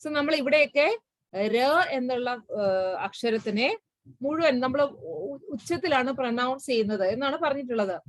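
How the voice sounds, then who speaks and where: A woman with a Malayali accent teaching a school Hindi lesson online, repeating words slowly and sounding out each syllable. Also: high voice, no echo, poor audio. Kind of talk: online class explanation.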